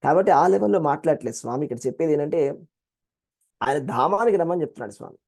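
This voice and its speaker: A man with a Telugu accent teaching a scripture class, explaining verses in an animated way and acting out quoted voices. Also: fairly high pitch, very fast, vocal fry. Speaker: Gita teacher.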